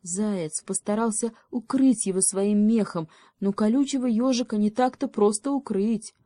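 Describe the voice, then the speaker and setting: A woman narrating a children's fairy tale in a gentle, lyrical reading voice. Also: medium pitch, moderate pace, no room sound, studio quality. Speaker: storyteller. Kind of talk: scripted storybook narration.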